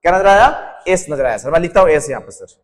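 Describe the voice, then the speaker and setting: Speaking fast with lively intonation and a fairly high pitch, a man with a Jharkhand Hindi accent teaches exam prep from a whiteboard, using a mnemonic. Long reverb trails his voice. He fires answers at the class as questions, hammers each term through repetition, and respectfully says "sir" to the students again and again.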